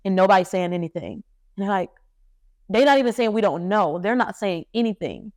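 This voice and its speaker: A young woman hosting a podcast, recounting a traumatic memory in a halting, emotional way with many fillers and restarts. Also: medium pitch, animated, darkish tone, dry recording, clean studio sound. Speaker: podcast host. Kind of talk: personal storytelling.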